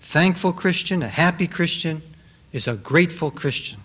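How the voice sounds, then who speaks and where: High-voiced man preaching a sermon. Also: moderate pace, fairly bright tone. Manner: emphatic, repetitive rhetorical delivery.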